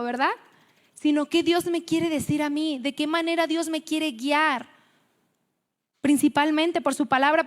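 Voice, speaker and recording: A Mexican woman preaches to a women's gathering in a high voice, chatty and storytelling, often restarting her words. Her voice carries a long hall reverb. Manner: conversational, storytelling, self-correcting. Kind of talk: sermon at a women's meeting.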